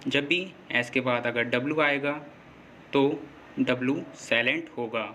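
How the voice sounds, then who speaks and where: A man teaching a lesson, slowly and patiently explaining rules and repeating them. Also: mid-range voice, fairly even intonation, pushed and bright, a little hiss or hum. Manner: slow, repetitive, patient explaining. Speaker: English teacher.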